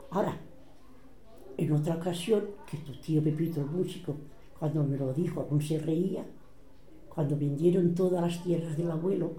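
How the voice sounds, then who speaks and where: An older woman with a Catalan accent recounts old family quarrels in a lively storytelling manner. She slips into the voices of the people she quotes. Her voice is very dark and mellow, and it rings in an echoey room. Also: low-pitched, creaky. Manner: animated, acts out quoted voices. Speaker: relative recounting family history.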